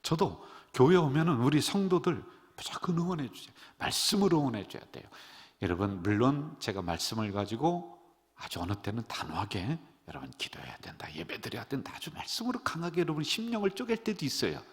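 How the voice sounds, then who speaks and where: A middle-aged man preaching as a pastor, animated, leading his congregation in call-and-response. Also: fairly high pitch, brisk. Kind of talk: sermon. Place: church sanctuary. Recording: long church-hall reverb.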